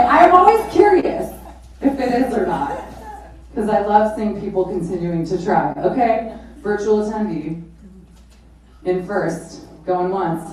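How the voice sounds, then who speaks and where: Female fundraising auctioneer, high voice, exclamatory and chatty, heard from afar in a very reverberant venue. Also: mellow. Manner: exclamatory, informal, chatty with bidders. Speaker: charity auctioneer and event host. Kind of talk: live fundraising auction calling. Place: large echoey event venue with a live audience. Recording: echoey hall, distant PA, crowd.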